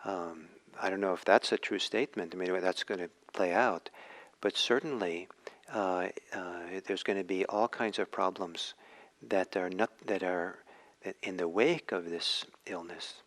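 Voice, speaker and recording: A man from Norway, giving a reflective dharma talk with many pauses and restarts. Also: sits low, fairly bright tone. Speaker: meditation teacher.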